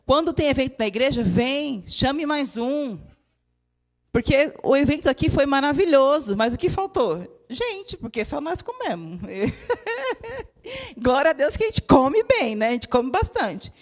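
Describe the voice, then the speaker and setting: Young Brazilian woman preacher, lively and emotional, in a church. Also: sits high, normal speed. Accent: Brazilian Portuguese. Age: young adult. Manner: lively and emotional, with laughter and mimicked voices. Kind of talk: sermon.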